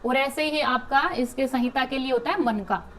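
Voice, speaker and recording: A woman's voice: high-pitched, moderate pace, a bit bright, slight background noise, poor audio. A woman teacher giving an exam-prep lecture, explaining step by step, asking questions and answering them herself, with English terms mixed into her speech.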